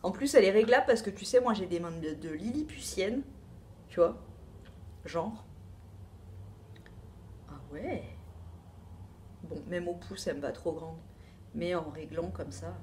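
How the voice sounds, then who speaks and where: A woman's voice: fairly low pitch, a little slow, long pauses, darkish tone, a little hiss or hum. A woman with a French accent reviewing a beauty box in a casual, rambling chat full of asides and fillers.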